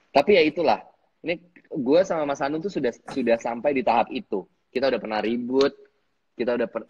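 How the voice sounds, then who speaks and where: A man, a guest actor on a casual live stream, telling stories in a joking, lively way. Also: mid-range voice, slightly rough. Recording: dull lo-fi livestream audio.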